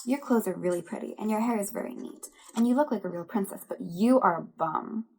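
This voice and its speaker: A quick-witted young storybook princess, eagerly flattering and calling out loudly, as a woman reads her aloud. The voice has a husky, slightly gravelly grain. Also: mid-range voice, close to an everyday voice. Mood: scornful. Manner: eager, flattering, loud exclamations. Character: clever, bold young princess.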